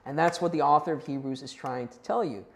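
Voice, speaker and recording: A man's voice: fairly high pitch, a little fast, creaky. Man teaching a Bible class in an echoey room. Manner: conversational, checks in with the class, unsure of Hebrew and Greek pronunciations. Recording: roomy echo.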